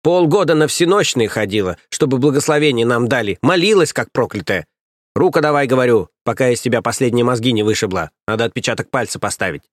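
A man voicing a coarse, scheming stout nursemaid woman who scolds and sneers in a raised, shrill voice. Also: animated, quick pace, no room sound, studio quality, close to an everyday voice. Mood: scolding. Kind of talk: audiobook character voice.

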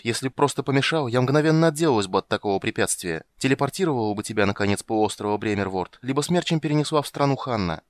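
A proud, sharp-tongued sorceress, as a man reads her out in an audiobook. Her voice sits low yet lifts with scorn, biting and haughty. The sound is dry and close. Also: dry recording, natural voice. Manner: haughty, biting, then wistful. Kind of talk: audiobook character reading.

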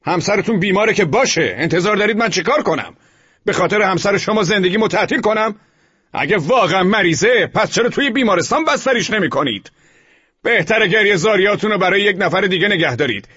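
A man voicing a loud, brash, bullying male neighbor who shouts and mocks, in an audiobook reading. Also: high-pitched, animated, breathy edge, lo-fi sound, voice pushed up, exaggerated voice. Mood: furious shouting. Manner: shouting, mocking, overbearing.

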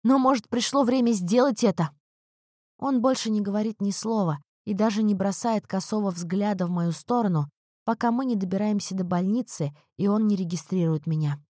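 A woman reading a first-person audiobook in an emotional, expressive way. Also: medium pitch, a little fast, no echo, clean studio sound. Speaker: narrator. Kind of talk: audiobook narration.

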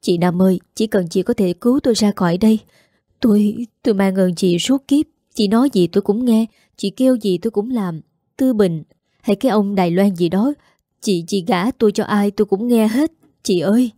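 A woman's voice: medium pitch, moderate pace, warm tone, no echo, clean studio sound, natural voice. Woman doing a desperate pleading mother. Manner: pleading, tearful begging.

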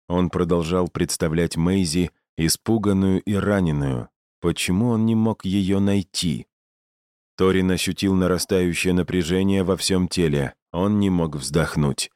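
Male audiobook narrator, very deep voice, dry close recording, measured reading. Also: darkish tone, no room sound. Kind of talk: scripted narration.

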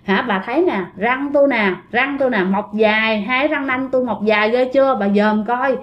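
Lady doing a giggly stubborn ghost guy, voice jumps up high and loud. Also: normal speed, highs cut off, close to an everyday voice. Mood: teasing stubborn. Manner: childish teasing, giggly defiant. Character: playful lovesick young male ghost, stubborn.

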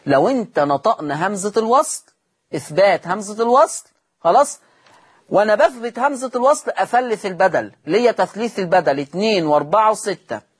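A man's voice: high voice, animated, brisk, husky. A man with an Egyptian Arabic accent teaching Quran recitation on a televised lesson, patiently repeating each rule and quizzing his listeners.

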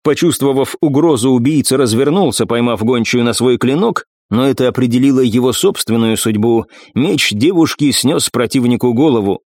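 A man narrating an audiobook in an even, measured way. His voice sits at a middling pitch. The recording is dry and close, with no room echo. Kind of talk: scripted narration.

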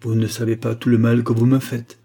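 A man's voice: medium pitch, completely flat delivery, a little fast, dark tone, husky. A man reading as a stern, offended queen. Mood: reproachful.

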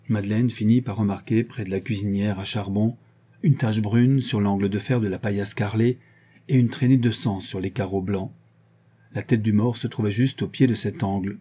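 A man narrates an audiobook at a measured storytelling pace. His voice is low and dark, with a husky grain. He reads the prose with calm control. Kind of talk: audiobook reading.

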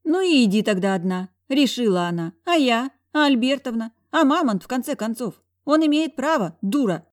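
A woman voicing a sharp-tongued young woman, the heroine's blunt best friend, in an audiobook. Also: on the high side, fairly quick, pitched above the performer's own voice, natural voice. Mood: angry. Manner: scolding, blunt.

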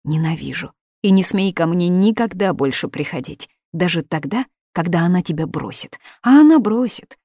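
A woman's voice: lowish voice, lively intonation, moderate pace, hardly any pauses, warm tone, no room sound, clean studio sound. Woman doing a bitter, scornful jilted woman. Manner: accusing, scornful.

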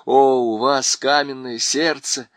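A man's voice: mid-range voice, measured pace, bright, forceful tone, no room sound. A man voicing a desperate, bewitched young knight who pleads urgently and at times rages. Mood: pleading.

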